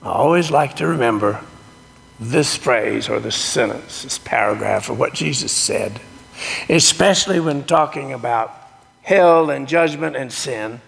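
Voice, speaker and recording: Slow, gravelly pastor in cathedral echo. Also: male voice, medium pitch, lively intonation, fairly bright tone. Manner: slow, measured liturgical delivery. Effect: cathedral echo, long church reverb. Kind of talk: sermon and communion liturgy. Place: church sanctuary. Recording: long echoing church reverb.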